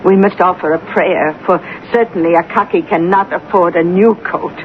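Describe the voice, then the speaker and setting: A woman's voice: lowish voice, normal speed, natural voice. An actress playing a nosy, gossipy and deferential landlady in a 1970s radio drama. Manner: gossipy, obsequious. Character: nosy, deferential Russian landlady of a lodging house. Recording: tinny, noisy 1970s radio broadcast.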